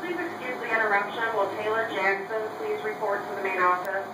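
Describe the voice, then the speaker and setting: A woman making polite, formal announcements from the school office over the intercom loudspeaker. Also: medium pitch, steady tone, a little fast. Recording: echoey distant classroom capture with noise.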